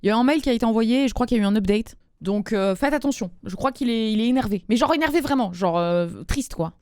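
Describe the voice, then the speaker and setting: A woman's voice: on the high side, animated, quick pace, darkish tone, no echo, clean studio sound. A young woman hosting a casual advice podcast, talking in loose slang and laughing easily. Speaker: podcast host giving love advice. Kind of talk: casual group podcast chat.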